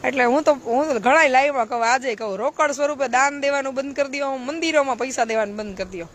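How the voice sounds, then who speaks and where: A woman's voice: high voice, fast. A woman, a charity social worker giving a blunt, preachy live-stream talk full of rhetorical questions.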